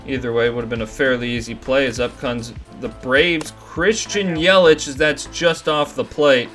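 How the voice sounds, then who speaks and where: A young man giving play-by-play commentary over a baseball video game, getting excited on big plays. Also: medium pitch, normal speed. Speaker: gaming commentator. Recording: faint music behind.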